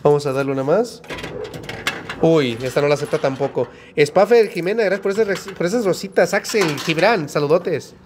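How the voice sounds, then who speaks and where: A man's voice: on the high side, normal speed. Mexican man livestreaming in a noisy arcade. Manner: chatty, greets viewers by name, excited by the game. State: congested nose. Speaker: livestream host. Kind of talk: live streaming chat at an arcade coin machine. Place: indoor arcade. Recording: noisy arcade with clicking machines.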